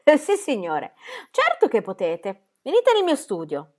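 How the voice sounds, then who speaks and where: A woman's voice: fairly high pitch, very animated, moderate pace, darkish tone, pitched above the performer's own voice. A woman voicing an impatient, furious bishop. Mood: impatient commanding. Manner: impatient, hissing, commanding. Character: exasperated, furious English bishop, older man.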